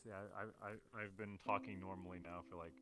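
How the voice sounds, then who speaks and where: A man in casual out-of-character chat with fellow role-players, quick and self-mocking, swearing freely. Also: low-pitched, fairly even intonation, a bit bright.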